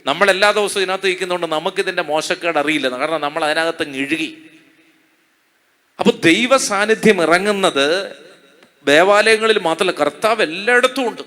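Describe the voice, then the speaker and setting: Bright-voiced preaching priest, Malayali accent. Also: male voice, high-pitched, normal speed. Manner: call-and-response preaching, asks the crowd to say hallelujah; rhetorical questions, repeats phrases. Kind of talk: sermon.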